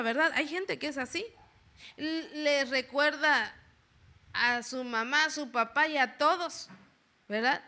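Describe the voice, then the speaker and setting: A woman's voice: high voice, bright, forceful tone. A woman giving a chatty church sermon who keeps checking in with a questioning "right?" and asks the congregation questions. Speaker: lay preacher. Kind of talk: conversational sermon. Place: church service.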